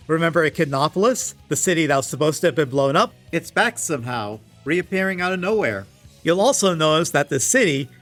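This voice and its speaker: Over background music, a comics-reviewing video essayist reads scripted comedy commentary. His voice is fairly high and fairly bright, and his delivery is exasperated and sarcastic with big emphatic swings.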